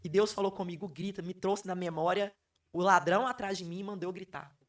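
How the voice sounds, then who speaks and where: Podcast guest: hoarse woman, emphatic and repetitive storyteller, set a little back from the mic. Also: fairly low pitch, fairly quick, distant mic. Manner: emphatic, repeats phrases for effect. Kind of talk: emotional personal storytelling.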